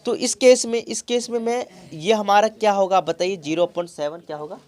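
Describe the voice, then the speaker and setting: A man's voice: sits high, fairly even intonation, normal speed, a little mellow. Man tutoring with call-and-response questions. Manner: affectionate terms for pupils. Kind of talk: classroom math lesson.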